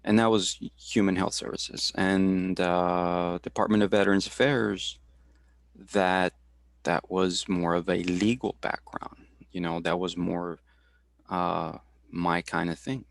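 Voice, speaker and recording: A man in his forties from Texas, talking through his career in a halting way, with many fillers and restarts, over a video call. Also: deep voice, vocal fry, no room sound, clean studio sound. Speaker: guest speaker. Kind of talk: casual career talk.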